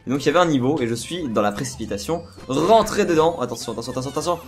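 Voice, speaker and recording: A man with a hoarse, worn-out voice giving casual, excited gameplay commentary and repeating words in quick bursts. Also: fairly high pitch. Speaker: let's play host. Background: video game music.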